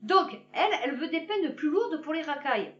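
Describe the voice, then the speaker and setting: A woman from Marseille, France, with a local accent rants about politics to camera, blunt and slangy, chuckling at her own jokes. Her fairly high, a bit bright voice is animated and brisk, swinging up and down a lot. She sits back from the mic in an echoey room, so the sound is a little dull.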